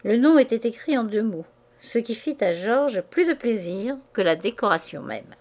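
A woman narrating a classic novel as an audiobook, in a measured, even reading voice. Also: fairly high pitch. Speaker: audiobook reader.

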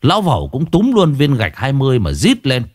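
A man's voice: medium pitch, huge pitch swings, a little fast. A man narrating a comic village story in a vivid storytelling manner.

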